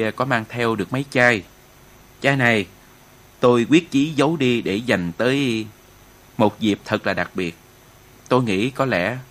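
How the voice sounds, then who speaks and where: Give me a man voicing an earnest station chief who talks formally with pauses. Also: mid-range voice, a bit bright, lightly acted. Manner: formal, with hesitant fillers. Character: male relay station chief, warm and proud.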